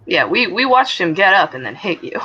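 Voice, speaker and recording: A woman's voice: on the low side, sing-song, brisk, bright, forceful tone, breathy edge. A woman playing in a tabletop game, hesitant and thinking aloud, now and then swearing, on a dull lo-fi recording. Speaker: player. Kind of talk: casual game talk.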